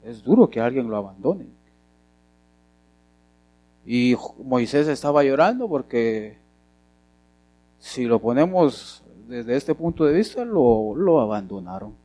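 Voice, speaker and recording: A man preaches a sermon at a mid pitch. He keeps putting questions to the congregation and moves between loud and soft as he builds his points. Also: sing-song, slow, long pauses, no echo. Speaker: pastor.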